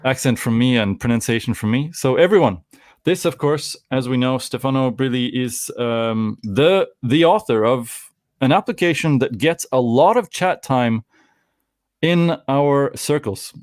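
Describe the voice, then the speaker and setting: A man's voice: medium pitch, expressive, a little slow, a little mellow, no room sound, studio quality. A Canadian man in his forties hosting a live stream, chatting casually and rambling, often cutting himself off with jokes. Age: 40s. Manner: rambling, self-interrupting, jokey.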